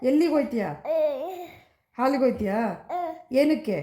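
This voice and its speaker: A woman's voice: sits high, moderate pace. A young woman, a mother in a casual family vlog, coaxing and soothing her baby at home at night in a sing-song voice, recorded on a phone. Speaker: vlogger mother. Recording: home video with loud background noise.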